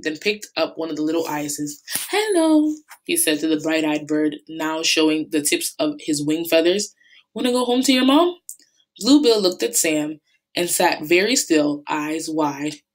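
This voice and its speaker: Reading a novel to her class in a plain, classroom manner, this female teacher has a fairly low, steady voice. She makes a few small slips and restarts along the way.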